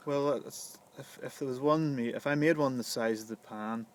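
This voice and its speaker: A man's voice: medium pitch, moderate pace. A man in casual, unscripted conversation as a camper van vlogger. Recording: faint background noise.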